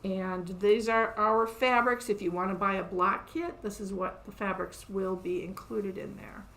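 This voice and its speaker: A woman's voice: mid-range voice, fairly even intonation, measured pace, a bit bright. A woman hosting a casual live show-and-tell from her quilt shop, chatty and upbeat, laughing often.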